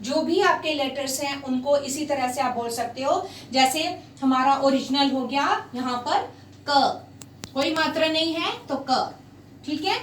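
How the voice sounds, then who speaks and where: High-pitched lady teaching hindi, slow and patient, faint hiss behind. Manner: patient, repeats sounds slowly and switches into English. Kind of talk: slow spoken language lesson. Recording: echoey room, voice a bit far from the mic, faint hiss.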